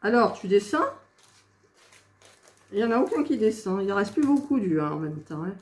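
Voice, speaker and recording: A woman vlogs her craft project, talking to herself as she searches for missing pieces and tossing exasperated asides to viewers in casual crafting chatter. Her medium-pitched, slightly mellow voice swings widely in pitch at a moderate pace, in an echoey room with faint noise.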